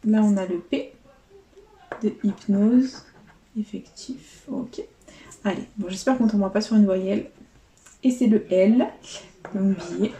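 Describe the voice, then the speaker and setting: Woman vlogger, casual running commentary, mellow tone, echoey room. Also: medium pitch, a little slow, long pauses. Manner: chatty, counts out letters and numbers. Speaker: vlogger scratching lottery tickets. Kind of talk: casual commentary while scratching tickets.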